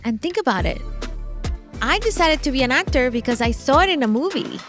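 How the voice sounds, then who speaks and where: A middle-aged Venezuelan woman, a native Spanish speaker who works as a producer and CEO, tells her story animatedly as an interview guest, laughing often. Her voice sits high and runs a little fast, with music playing underneath.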